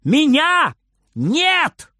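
A man voicing a cheeky little boy in a storybook reading, with shrill squealing sing-song taunts. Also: slow, fairly bright tone, dry recording, clean studio sound, full character voice. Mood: shouting.

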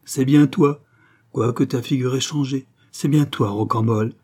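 A man reading aloud, voicing a hoarse, raspy old woman ragpicker who dotes on her adopted son. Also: mid-range voice, normal speed, a little mellow, pitched above the performer's own voice, natural voice. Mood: shrill. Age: older.

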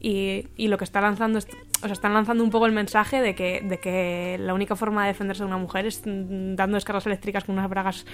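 A woman's voice: mid-range voice, little pitch movement, fast talker, hardly any pauses. Hesitant woman thinking aloud. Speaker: radio show participant. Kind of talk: casual feminist discussion.

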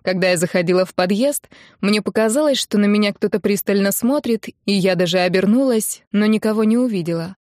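A woman narrating a first-person novel in an even storytelling delivery as an audiobook narrator. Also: medium pitch, brisk, no room sound, clean studio sound.

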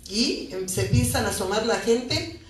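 A woman's voice: fairly high pitch, lively intonation, moderate pace. A middle-aged woman with a Buenos Aires accent giving emotional personal testimony at a press conference, full of rhetorical questions. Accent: Buenos Aires Spanish. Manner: impassioned, with repeated rhetorical questions. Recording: echoey room, mic far off.

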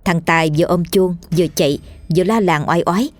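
A woman with a Southern Vietnamese accent narrating a ghost story in a lively, colloquial storytelling manner. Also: on the low side, fast talker, no echo.

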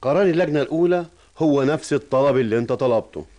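Brief: male actor as an authoritative Egyptian boss, fast-talking, firm. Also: medium pitch, warm tone, lo-fi sound, natural voice. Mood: explaining. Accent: Egyptian Arabic. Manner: questioning, authoritative. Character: stern probing male company director. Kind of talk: radio drama acting.

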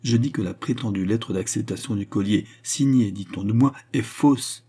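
A man's voice: fairly low pitch, moderate pace, mellow, breathy edge. A man voicing a haughty, scornful queen. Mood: stern, scornful. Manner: cold, cutting interrogation. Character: stern haughty queen, contemptuous and commanding. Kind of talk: audiobook reading.

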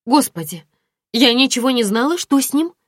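Woman voicing a shrill, gushing young girlfriend in an audiobook, high-pitched and rushed, dry close sound. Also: expressive, no room sound. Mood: flustered. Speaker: audiobook reader.

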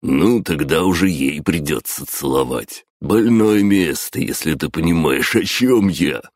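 A brutish young bully in an audiobook, sneering and crude, his taunts loud and rough, as a male narrator voices him. The voice sits a little above the reader's own, with a gravelly, husky edge, and it is recorded close and dry. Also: rumbling low, animated, a little slow, no room sound, heavily acted.

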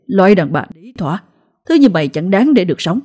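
A cruel, cold-blooded husband snarling his threats, as a woman narrator puts him on. The voice sits low and dark, sneering between words. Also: big pitch swings, brisk, breathy edge. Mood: vicious sneering.

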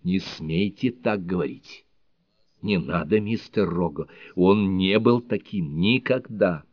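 A man reading an audiobook, voicing a timid, quiet spinster woman who speaks in a hushed, earnest way, on a dull lo-fi recording. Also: low voice, slow, no room sound. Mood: pleading.

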